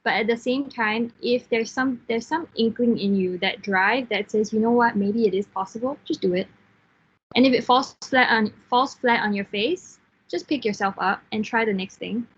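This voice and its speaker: Guest-speaking in an online class, a software engineering team lead from Singapore, a woman in her thirties, offers candid and encouraging career advice, stumbling into fillers and restarts along the way. She speaks at normal speed with a fairly high, slightly rough voice, and the audio sounds dull.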